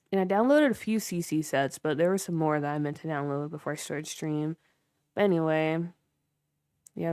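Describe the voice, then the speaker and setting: This young streamer's lowish voice is smooth and slightly mellow as she casually tours her game build and talks with viewers, heavy on filler. The recording is dry with clean studio sound.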